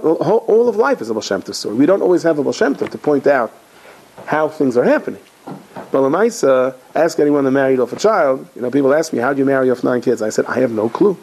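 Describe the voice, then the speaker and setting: Middle-aged rabbi, gravelly and husky voice, animated storytelling sermon, slips into characters. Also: male voice, medium pitch, poor audio. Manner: animated, acts out characters in stories, frequent Yiddish and Hebrew terms. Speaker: rabbi giving a talk.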